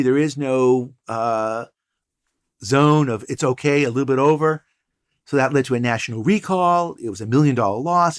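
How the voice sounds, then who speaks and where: An older man speaks as a podcast guest, spinning business anecdotes in a relaxed conversational way. He drops wry asides and puns as he goes, in a voice of ordinary middle pitch. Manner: storytelling, wry and punning. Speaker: guest, entrepreneur and professor. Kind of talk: casual interview chat.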